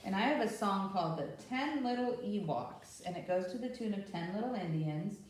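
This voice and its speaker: A woman with a medium-pitched, expressive voice leads a children's storytime at a moderate pace, explaining things simply and often asking the kids questions. It's an interactive read-aloud and teaching session, recorded from a distance in a very echoey room with background noise.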